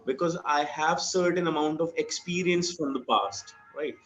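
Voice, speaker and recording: Guy teaching yoga over a laggy video call, fairly high voice, patient, keeps checking u get it, muffled sound w faint music. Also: a bit bright. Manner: patient, explains slowly with many checks for understanding. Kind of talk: online class explanation.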